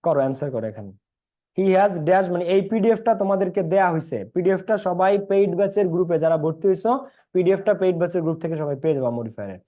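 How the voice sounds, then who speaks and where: A man's voice: high-pitched, lively intonation, fast talker, mellow. A young man with a Bangladeshi Bengali accent teaching an English class online, repeating points and quizzing his students.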